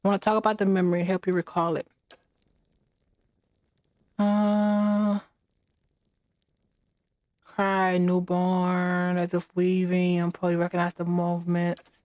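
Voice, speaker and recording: A woman reading a fantasy game's text aloud during a let's play, with halting restarts and short reactions of her own. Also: lowish voice, level tone, a little mellow, dry recording, highs cut off.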